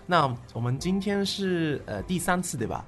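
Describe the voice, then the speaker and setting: A man, a native Japanese speaker, hosts a casual interview in halting, simple Japanese-accented Mandarin. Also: on the high side, very animated, a bit bright, faint music behind. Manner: halting, simple phrasing with frequent short echoes of the guest. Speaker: podcast host.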